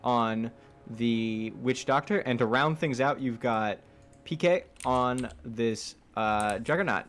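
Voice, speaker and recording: A man's voice: medium pitch, slow pace, fairly bright tone, faint music behind. A man co-casting an esports match in a casual way, often starting with ums and uhs. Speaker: esports co-caster. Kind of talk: casual game commentary.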